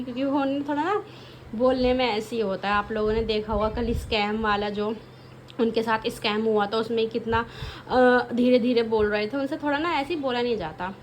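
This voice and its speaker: Chatty young woman in a noisy home vlog. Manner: chatty, rambling, switches to high baby talk with her toddler. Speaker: vlogger. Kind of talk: casual home vlog chat.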